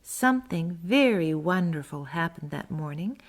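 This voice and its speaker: A woman voicing a friendly, curious little garden mole who tells a children's storybook tale in first person, with expressive, sing-song storytelling. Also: lowish voice, moderate pace. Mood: earnest wonder.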